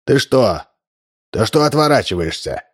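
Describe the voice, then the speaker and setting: A man's voice: medium pitch, big pitch swings, unhurried, breathy edge. A man reading a story aloud voices a stubborn, puzzled ordinary man who argues bluntly and insists on answers. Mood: insistent.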